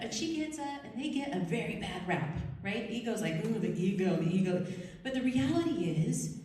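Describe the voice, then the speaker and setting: A woman giving a chatty, animated storytelling talk to a live audience, often asking them questions. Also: medium pitch, slight background noise. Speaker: speaker at a storytelling event. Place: large room at a live event. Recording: echoey hall, voice from far off.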